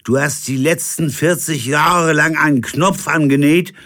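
A man's voice: a little high, unhurried, fairly bright tone, voice pushed up. A man voicing a drunken, hysterical old sea captain in a storybook, wailing theatrical outbursts. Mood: overwrought.

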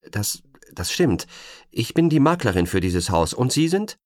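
A man's voice: mid-range voice, big pitch swings, normal speed, breathy edge, no echo, studio quality, pitched above the performer's own voice. A man voicing a flustered female estate agent. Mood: nervous. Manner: flustered, stammering.

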